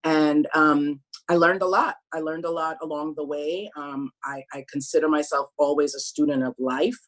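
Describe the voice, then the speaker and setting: A middle-aged woman from Brooklyn talking as an interview guest, thoughtful and measured, with frequent pauses and restarts. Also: low-pitched, fairly even intonation, low-quality recording. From Brooklyn, New York, USA. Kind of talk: candid sit-down interview.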